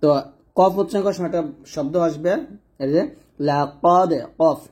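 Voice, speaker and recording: A man teaches Quran pronunciation in a lesson, setting similar letters side by side and slowing down to chant each example. His voice sits slightly high but has a dark, mellow tone. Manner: checks in with "ঠিক আছে?". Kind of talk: online tajweed lesson.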